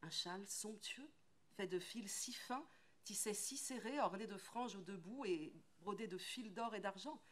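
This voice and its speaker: A French actress reading a tale aloud, rhythmic and lilting, leaning on repeated phrases. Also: female voice, mid-range voice, a little slow. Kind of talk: expressive literary reading.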